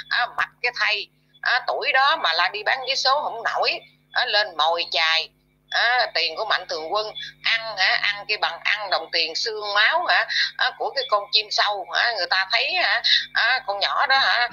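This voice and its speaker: A YouTube commentator with a Southern Vietnamese accent angrily scolds her audience in a rant packed with fillers and insults. Her mid-range voice is bright and forceful with a breathy edge, captured in dull lo-fi audio.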